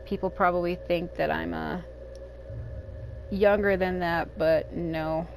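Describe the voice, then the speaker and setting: A woman in her thirties, speaking at home as a let's play gamer in casual, rambling gameplay commentary and thinking out loud. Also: on the low side, steady tone, takes it slowly, creaky, slight background noise, rough recording. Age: 30s. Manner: rambling and candid, thinking aloud. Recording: game music playing under the voice.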